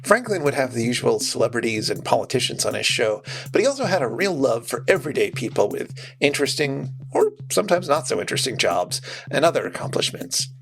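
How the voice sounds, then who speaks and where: A man's voice: medium pitch, big pitch swings, fast, creaky, few pauses, a bit bright. A man co-hosting a podcast, giving informal, wry commentary and trivia about a film. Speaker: podcast co-host. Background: music.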